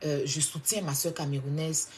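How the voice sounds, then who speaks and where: A woman from Côte d'Ivoire with an Ivorian French accent, delivering a confrontational, mocking monologue that swings from loud outbursts to low scolding. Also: fairly even intonation, moderate pace, slight background noise. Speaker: online commentator. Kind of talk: heated clash monologue.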